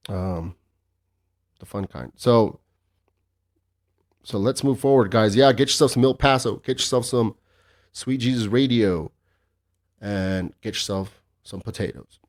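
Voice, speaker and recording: Male podcast host, lowish voice, profane and sarcastic, loose rambling monologue. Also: a little slow, pauses often. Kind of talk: casual solo podcast monologue.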